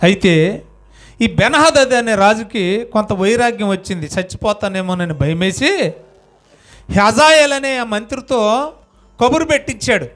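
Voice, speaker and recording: High-voiced man preaching a sermon. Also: a little slow, pauses often. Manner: questions the congregation and has them answer aloud; dramatic storytelling, swings between loud and soft. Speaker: pastor.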